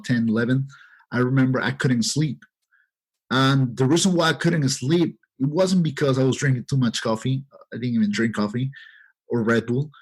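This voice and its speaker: Poor audio carries a husky, mid-range male voice: a man in his thirties from Peru recounting his story as a podcast guest. The casual interview talk is rambling and earnest, packed with "you know" fillers.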